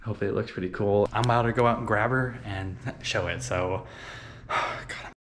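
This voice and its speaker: A man's voice: lowish voice, steady tone, normal speed, a bit bright, slight background noise. A young man talking in a casual vlog, nervous and earnest. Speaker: boyfriend.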